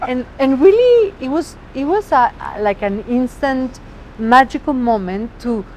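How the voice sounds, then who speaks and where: Out on a city street, this Mexican-accented woman, a native Spanish speaker appearing as a guest chef, speaks with a high, lively voice at a measured pace and a somewhat dark tone. She talks expressively but sometimes hunts for words, and the poor recording carries a slight hiss or hum.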